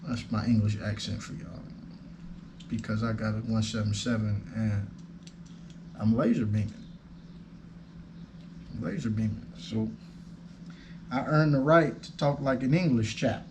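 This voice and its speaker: A man reviewing his airgun in a relaxed, folksy drawl. He talks slowly and takes his time. Faint background noise sits under his voice. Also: on the low side. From United States. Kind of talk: casual product review.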